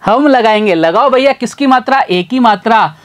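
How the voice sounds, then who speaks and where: A man teaching a literacy lesson in a folksy, repetitive call-and-response way. He sounds out syllables slowly and calls his learners brother and sir. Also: extremely high pitch, animated. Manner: slow, sounds out syllables one by one.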